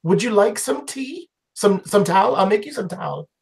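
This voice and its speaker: A man's voice: sits high, lively intonation, normal speed, gravelly, voice pushed up. A man voicing a short, flustered, polite woman in a tabletop game, hesitant and repeating words, eager to please. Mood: flustered, welcoming.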